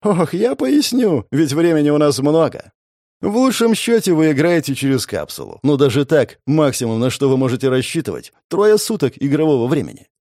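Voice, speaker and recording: A man's voice: a little high, sing-song, normal speed, a little mellow, no room sound, clean studio sound, voice pushed up. A man voicing a young male gamer hero who mocks and threatens his enemies, in a raised, grinning tone. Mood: menacing. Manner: mocking, menacing.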